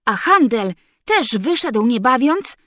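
Slow, measured woman storyteller. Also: a little high, sing-song, fairly bright tone, no room sound. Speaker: audiobook reader. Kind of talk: literary narration.

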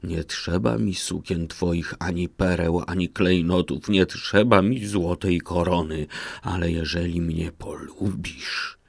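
Guy doing a wheedling old frog from a fairy tale, low gravelly voice, slow. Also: fairly even intonation, dry recording, full character voice. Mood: bargaining. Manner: coaxing, bargaining, close to the reader's own voice. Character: old female frog, coaxing and persistent.

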